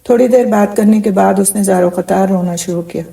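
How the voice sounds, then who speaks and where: A woman's voice: medium pitch, creaky, mellow, far from the mic, rough recording. A middle-aged woman giving a Quran commentary lecture, telling stories from her teaching in an earnest way.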